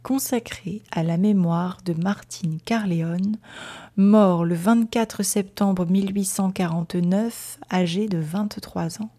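A woman reads a period novel aloud as an audiobook narrator. Her delivery is measured and expressive. The voice is mellow and warm at a middling pitch. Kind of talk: literary audiobook reading.

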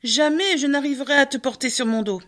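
An earnest, wise storybook man who talks with worried, lively feeling, as a woman reader puts him on. The voice sits high and bright. Her reading stays close to her own natural voice. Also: fairly quick. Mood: dismayed.

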